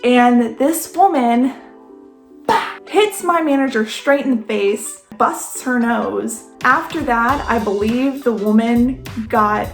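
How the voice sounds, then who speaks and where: A young woman vlogger telling a story to camera in an animated, chatty way, full of "like". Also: on the high side, slow pace, echoey room, soft background music.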